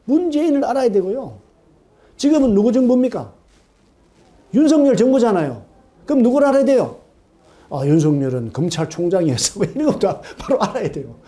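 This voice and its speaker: A middle-aged man preaching a sermon in a church, animated, asking his congregation questions and acting out quoted voices. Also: very high-pitched, brisk, long pauses. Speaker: pastor. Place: church sanctuary.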